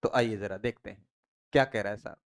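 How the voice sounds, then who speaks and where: This Indian English teacher talks fast in a fairly low voice during a classroom pronunciation lesson, firing questions at his students, answering them on his own, and drilling the important phrases repeatedly.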